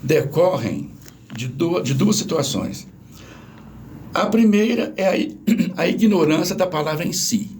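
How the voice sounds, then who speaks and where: A man's voice: on the high side, unhurried, a little hiss or hum. A man with a Brazilian accent, a language professor explaining things patiently in an interview. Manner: didactic, animated, spells out examples.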